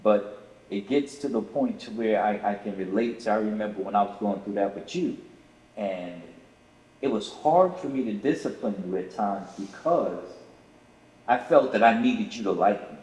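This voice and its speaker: An older man with a lively, rising and falling voice, speaking in an earnest, fatherly way. He sounds emphatic. The room is echoey, with a long reverb tail. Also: fairly low pitch, normal speed. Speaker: father of the co-host. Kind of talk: casual podcast conversation.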